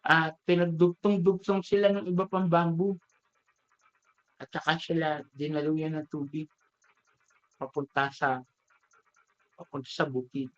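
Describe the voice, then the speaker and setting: A man preaching in a relaxed, conversational way, telling a parable from an office. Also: on the high side, muffled recording. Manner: conversational, mixes English into Tagalog. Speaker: lay preacher. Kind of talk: sermon storytelling. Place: elder's office.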